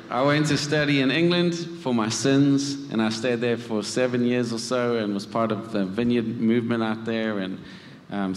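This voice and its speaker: A man's voice: fairly low pitch, reverberant, big-room sound. A South African man, a worship leader, talking about himself in a casual onstage interview with self-deprecating humor. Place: church hall.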